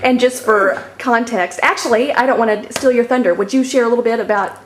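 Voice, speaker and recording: Enthusiastic woman interviewer in an echoey room. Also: on the high side. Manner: chatty and enthusiastic, quick asides. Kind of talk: casual interview. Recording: echoey room with faint noise.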